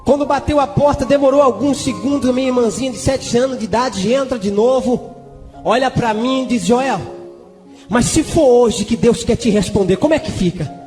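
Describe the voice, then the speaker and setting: A man's voice: very high-pitched, normal speed, darkish tone. A man giving a fervent testimony sermon in a sing-song preaching manner, with bursts of praise. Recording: long hall reverb with music behind.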